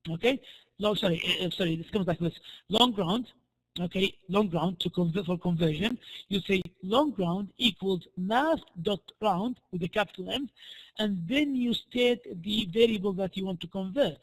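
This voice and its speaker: A male lecturer with a high-pitched voice that sounds hoarse and tired from use. He explains worked examples step by step, haltingly, often doubling back to repeat or restart a phrase. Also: rough recording. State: hoarse, voice worn out from a previous lecture. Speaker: programming lecturer.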